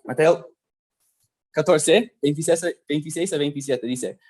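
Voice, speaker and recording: A man giving a casual Bible lesson, talking slowly and conversationally and checking in with his listeners often. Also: on the high side, darkish tone. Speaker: youth Bible teacher.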